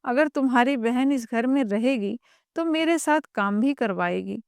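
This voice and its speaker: A woman's voice: a little high, a little slow, creaky, a little mellow, smooth, dry recording. A woman voicing an overworked young wife who speaks out in an indignant, raised voice.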